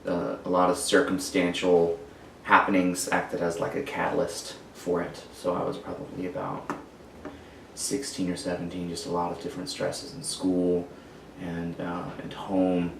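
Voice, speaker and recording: Podcast guest, man in his twenties, deep rough voice, slow halting storytelling, room echo. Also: completely flat delivery, a little hiss or hum. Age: 20s. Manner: halting, searching for words. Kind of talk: personal storytelling. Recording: echoey room, far from mic.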